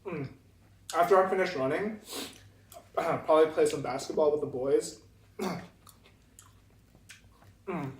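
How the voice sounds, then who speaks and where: A man's voice: a little high, slow, long pauses. Young man chatting between mouthfuls. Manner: eats while talking, hums "mm" between thoughts. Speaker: vlog host answering questions. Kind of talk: casual chat while eating. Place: indoors at a meal. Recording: echoey room, mic at a distance, faint noise.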